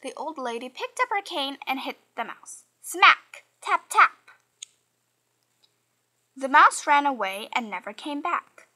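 A woman reading a children's picture book aloud in an expressive, sing-song way. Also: sits high, moderate pace, hardly any pauses, rough recording.

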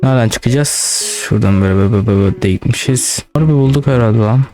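A man giving casual let's-play commentary, excitable, swearing and talking straight to his viewers. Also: medium pitch, racing, soft background music. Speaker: gaming channel host.

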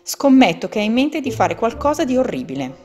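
A woman voicing a gigantic hippo in a storybook reading, shocked and indignant, with soft music behind. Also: on the high side, sing-song, brisk, pitched above the performer's own voice.

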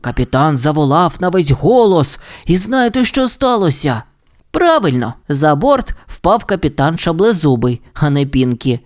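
A man narrating a children's audiobook story in an expressive, playful way. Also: on the high side, a little slow. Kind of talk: audiobook fairy tale narration.

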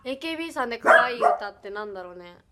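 A woman's voice: fairly high pitch, animated, rapid-fire, over a noisy crowd. A young woman hosting a casual livestream, bubbly, thanking viewers and rattling off rankings. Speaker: livestream host. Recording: loud background noise.

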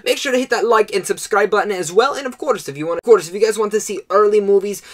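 A man's voice: high voice, fast. A young man giving a chatty, enthusiastic movie review to viewers, with frequent restarts. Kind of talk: casual movie review vlog.

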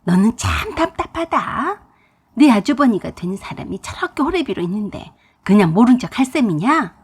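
A woman voicing a scheming, demanding older mother-in-law in a told story, speaking in a hushed, coaxing and scolding way. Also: a little high, sing-song, normal speed, slightly rough.

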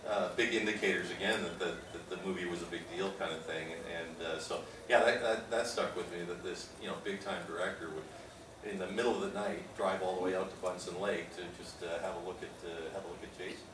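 Man panel guest, lowish voice, rambling, far off in an echoey hall. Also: steady tone, a little fast, background noise.

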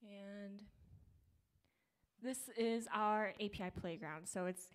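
A woman's voice: mid-range voice, slow pace, smooth. Upbeat young woman giving a tech talk. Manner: casual, upbeat, many fillers. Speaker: startup presenter. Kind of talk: conference talk with live demo. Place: small theater stage.

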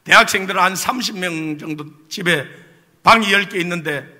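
This pastor's voice sits high and comes across pushed and bright at a normal speed. He preaches by recounting a personal story with humor and posing rhetorical questions to the congregation, all under a church hall's long reverb.

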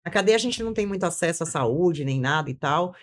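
A woman's voice: on the low side, expressive, quick pace. A woman giving an intense personal testimony as an interview guest, repeating phrases and acting out what she once said. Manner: intense, repeats phrases, acts out her own past words.

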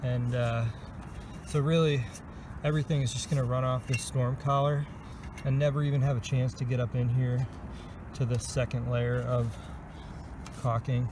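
A man's voice: medium pitch, little pitch movement, moderate pace, pauses often, noisy background. A man casually narrating a do-it-yourself gas heater install, explaining each step in a plain, matter-of-fact way on a handheld camera. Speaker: DIY vlogger. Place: pole barn, roof and crawl space.

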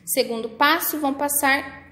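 A woman with a Brazilian Portuguese accent, a preschool teacher patiently walking young children through workbook activities in a slow, sing-song way. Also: high voice, pushed and bright, echoey room.

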